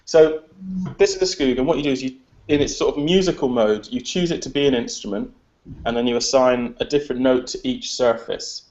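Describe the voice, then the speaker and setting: A man explaining and demonstrating a music device in a relaxed, thinking-aloud way, captured in a screen recording of a video call. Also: mid-range voice, fairly quick, lo-fi sound. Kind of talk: informal demo on a video call. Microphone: computer mic on a video call.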